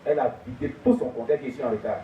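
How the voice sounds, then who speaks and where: A man preaching a sermon, telling a story in an animated way and swinging between loud and hushed. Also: mid-range voice, rapid-fire. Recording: tinny, echoey, distant, faint noise.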